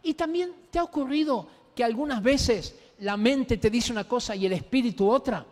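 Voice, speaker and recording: A man preaching a sermon, telling a personal story in an animated, emphatic way. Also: very high-pitched, moderate pace. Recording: long reverb of a large hall.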